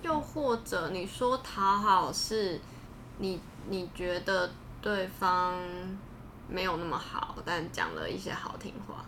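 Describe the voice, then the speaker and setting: A woman's voice: fairly low pitch, takes it slowly, a bit bright. A woman chatting casually as part of a discussion. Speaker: podcast panelist. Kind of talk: casual chat. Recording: clear background noise.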